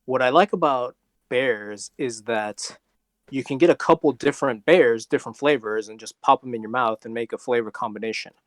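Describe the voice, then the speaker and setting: A man co-hosting a casual podcast chat, with a dry, deadpan manner and rambling explanations. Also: mid-range voice, moderate pace, no echo. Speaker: podcast co-host.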